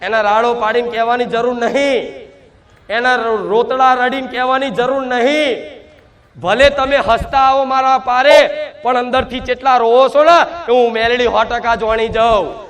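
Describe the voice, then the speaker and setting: A man's voice: very high voice, steady tone, moderate pace, fairly bright tone. A man preaching a sermon to devotees, speaking in first person as the mother goddess and repeating fervent rhetorical questions.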